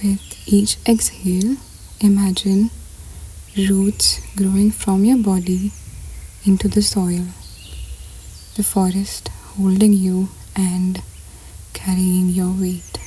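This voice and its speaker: Leading a scripted guided meditation, a woman speaks in a medium-pitched, breathy hush that frequently approaches a whisper. Her delivery is flat, measured and unhurried, with pauses separating brief phrases.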